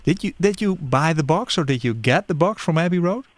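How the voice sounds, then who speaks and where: A man interviews a guest, a non-native English speaker whose first language is Dutch, and hesitantly repeats words as he forms his questions. His voice is fairly high and expressive, a little fast, with no room sound.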